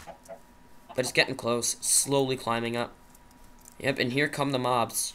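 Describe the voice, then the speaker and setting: Young male gaming host, nervous and rambling, bright tone, faint background noise. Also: medium pitch, flat delivery, takes it slowly. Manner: jittery, rambling, talks to himself. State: nervous, shaky. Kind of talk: Minecraft commentary.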